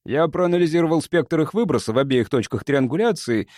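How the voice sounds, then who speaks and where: A man reading a first-person audiobook in an expressive, dramatic way. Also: fairly high pitch, fairly quick, dry recording. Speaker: audiobook narrator.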